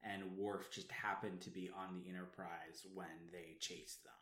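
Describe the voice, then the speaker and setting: A man's voice: low-pitched, little pitch movement, measured pace, bright, forceful tone. A man co-hosting a casual chat, explaining at length with plenty of ums and restarts. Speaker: podcast co-host. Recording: roomy echo.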